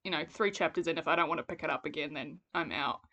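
A woman's voice: low voice, fast, gravelly, bright, forceful tone, lo-fi sound. A woman co-hosting a casual book podcast, talking informally with a wry, self-dramatising manner. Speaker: podcast co-host.

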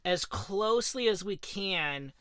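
A man's voice: high voice, animated, slow, a bit bright, clear, resonant tone, dry recording, studio quality. A man co-hosting a casual faith podcast, speaking earnestly and with emphasis, often checking in with "right?". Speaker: podcast co-host.

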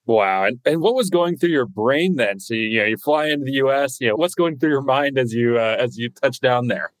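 A man's voice: medium pitch, animated, fairly quick, no echo, rough recording. A man hosting an interview podcast, upbeat and asking short follow-up questions. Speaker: podcast host.

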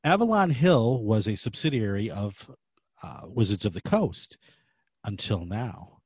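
A man hosts a podcast in a casual, conversational way. His voice sits on the low side with a husky edge, and the sound is dry. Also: animated, unhurried, darkish tone, no echo. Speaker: podcast host.

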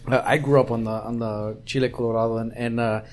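Man, interviewer, mid pitch, rambling casual questions, small restaurant. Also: flat delivery, quick pace. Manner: rambling and friendly, many restarts.

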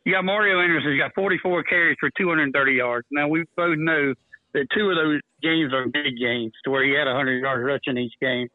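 A man's voice: a little high, steady tone, fairly quick, no echo. Man on glitchy, breaking-up call audio. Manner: rambling, stat-quoting, skeptical. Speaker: sports radio co-host calling in. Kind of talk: casual sports talk. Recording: muffled, dry, glitchy phone line.

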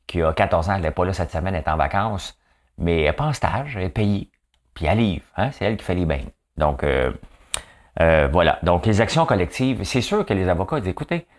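A man with a Quebec French accent and a nasal voice, hosting a casual, joking commentary monologue and tagging his sentences with "hein". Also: deep voice. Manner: chatty, joking, fills talk with "hein". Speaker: show host.

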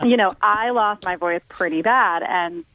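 A woman who is a guest singer talks casually in an interview, chatty and full of ums and restarts. Her voice is medium in pitch, and she keeps a measured pace. The audio is tinny, like a phone line, with no echo.

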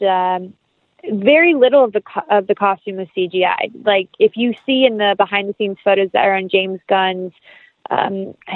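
On a thin, phone-like recording with no room sound, a woman with a medium-pitched voice chats as an interview guest. She is an actress and writer, discussing her creative work casually, enthusiastically and effusively.

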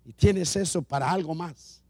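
A man's voice: fairly high pitch, moderate pace, warm tone, breathy edge, dry recording. Male pastor, sermon delivery with repeated emphatic phrases; dry, close recording. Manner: preaching with repetition and rising emphasis.

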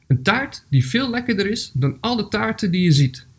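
A secretive little ant from a children's storybook, chattering in a raised, eager voice, as a young reader puts it on. The tone stays husky and a bit gravelly underneath. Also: sing-song, normal speed. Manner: higher, eager voice.

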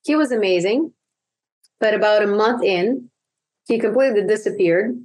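A woman's voice: medium pitch, normal speed, a little mellow. A woman being interviewed on a podcast, chatting with lots of fillers and restarts. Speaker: guest, virtual assistant business owner.

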